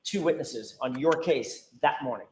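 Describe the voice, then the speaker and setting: A man's voice: mid-range voice, normal speed, darkish tone, a little hiss or hum. Man pressing questions in a roomy courtroom. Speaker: defense attorney. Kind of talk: courtroom cross-examination. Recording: roomy courtroom audio with faint ambience.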